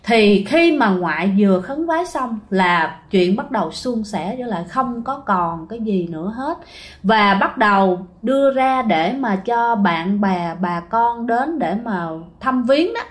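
A woman with a Southern Vietnamese accent narrates a ghost story in a casual, chatty way, speaking directly to her listeners. Her mid-range voice has lively intonation and runs a little slow.

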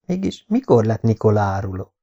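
A man's voice: mid-range voice, creaky, muffled recording, voice pushed up, lightly acted. A stern Norman baron, as a male narrator reads him. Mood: cold. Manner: soft-spoken but hard-edged. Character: stern, controlled Norman baron, adult man.

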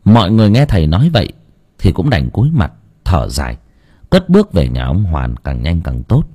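A man narrating an audio novel in an expressive, storytelling manner. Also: deep voice, fairly quick, breathy edge.

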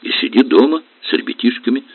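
A man voicing a weary, gruff barge captain and husband in a low, heavy voice, reading an audiobook. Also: fairly even intonation, quick pace, dry recording, close to an everyday voice. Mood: stubborn. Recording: dull lo-fi recording.

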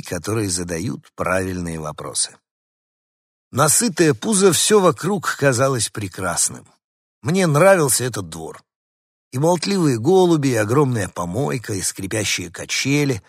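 A man reading a first-person children's story aloud in a lively, expressive way. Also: mid-range voice, normal speed, dry recording, clean studio sound. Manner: lively, character-voicing storyteller. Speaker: audiobook reader.

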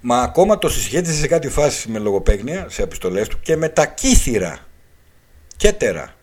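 A man's voice: medium pitch, big pitch swings, darkish tone, slightly rough. A man hosting a radio talk show, lecturing at length, spelling out letters one by one and repeating his key points. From Greece. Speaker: radio show host and author.

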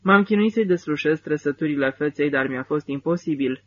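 A man reading a first-person literary novel as an audiobook narrator, with measured, steady phrasing. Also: a little high, dull audio.

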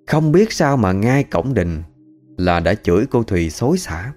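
A man's voice: lowish voice, sing-song, unhurried, darkish tone, faint music behind. A man narrating a ghost story in a colloquial, chatty way.

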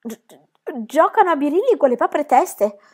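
A shy, scared little girl from a storybook who stammers and speaks in a hushed, trembling voice, as a woman reads her. She sounds small and high, drawn out and uncertain. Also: animated, moderate pace. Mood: frightened. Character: timid, easily frightened little girl.

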